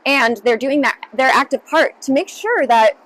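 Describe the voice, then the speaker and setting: A woman's voice: sits high, normal speed, a bit bright, a little hiss or hum, rough recording. A woman in her late twenties, a council candidate, answering interview questions in an upbeat, earnest way with many fillers. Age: 20s. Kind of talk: sit-down news interview.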